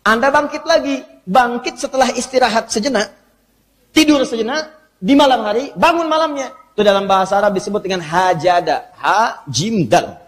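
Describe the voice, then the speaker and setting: A male preacher gives an Islamic sermon in an animated, humorous, teasing way. He is in a mosque hall. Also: extremely high pitch, moderate pace. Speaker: preacher, ustaz. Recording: long hall reverb.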